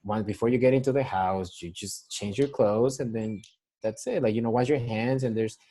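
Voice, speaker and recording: A man's voice: lowish voice, moderate pace, warm tone. A young man from Mexico with a Mexican Spanish accent, working as a nurse and talking casually on a phone call in a rambling way, full of restarts. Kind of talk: casual interview over a call. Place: San Diego.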